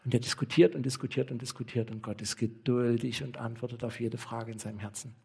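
A male pastor preaches a sermon in a lively storytelling manner and acts out bits of dialogue as he goes. He turns often to speak straight and earnestly to the congregation. His voice sits at a middle pitch for a man. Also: fast, gravelly, slightly rough. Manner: addresses listeners directly and earnestly.

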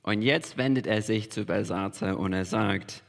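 A man's voice: fairly low pitch, normal speed, gravelly. A man preaching a sermon as pastor, emphatic and repeating key phrases for weight. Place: church hall. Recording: long reverb of a large hall.

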